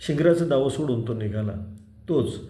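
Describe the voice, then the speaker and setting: A man from Maharashtra reads a novel aloud with a measured storytelling pace. His voice is mellow and of middle pitch. The recording has a roomy echo. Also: lively intonation. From Maharashtra, India. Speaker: novel reader. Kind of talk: audiobook reading.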